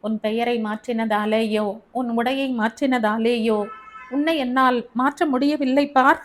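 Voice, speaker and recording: A woman's voice: a little high, fairly even intonation, a little slow, a little hiss or hum, natural voice. A woman voicing a scolding, arrogant rich husband. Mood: scornful. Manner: scolding, raised and emphatic. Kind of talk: audiobook character reading.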